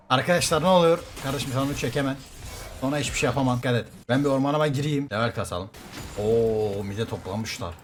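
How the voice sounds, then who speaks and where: A man streaming a game live, commenting excitedly, trash-talking opponents and calling out to his viewers. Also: medium pitch, noisy background. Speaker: gaming streamer.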